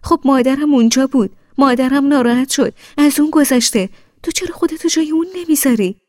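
A woman reading a story voices an adult sister who tries to calm a quarrel, speaking earnestly and pleadingly. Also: high-pitched, no room sound, clean studio sound, voice pushed up, lightly acted. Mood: urging. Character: adult sister, reasonable peacemaker.

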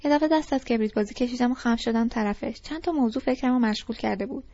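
A woman's voice: on the high side, mellow, dry recording. A woman reading a novel aloud in first person with a conversational storytelling manner. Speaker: audiobook reader. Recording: dull lo-fi recording.

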